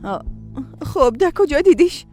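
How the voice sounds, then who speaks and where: A woman's voice: high voice, big pitch swings, warm tone, faint music behind. A woman with a Tajik accent voicing a worried, pious middle-aged mother in a dubbed TV drama, fretful and pleading with many sighs. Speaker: mother and wife in a family drama.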